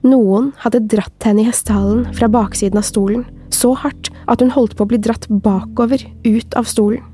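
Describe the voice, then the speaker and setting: A woman co-hosting a podcast, reading a listener's horror story aloud in a slow, measured way. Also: a little high, steady tone, dark tone. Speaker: podcast co-host.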